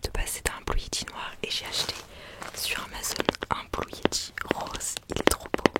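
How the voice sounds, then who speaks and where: A woman whispers in a breathy, unvoiced ASMR style into a close condenser microphone, chatting casually and gushingly as she presents an unboxing. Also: normal speed. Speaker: ASMR video creator and streamer. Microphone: close USB condenser microphone.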